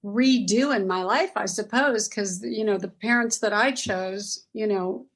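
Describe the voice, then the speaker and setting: A woman from Southern California, a podcast guest telling her family story in a rambling, animated way. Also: medium pitch, a little slow, poor audio. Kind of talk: podcast interview.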